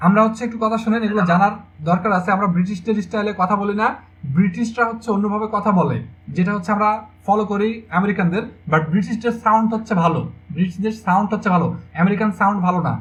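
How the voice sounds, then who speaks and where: High-voiced young man teaching English. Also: racing, a bit bright, rough recording. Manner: repeats questions to the class, explains step by step. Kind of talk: online exam-prep lecture.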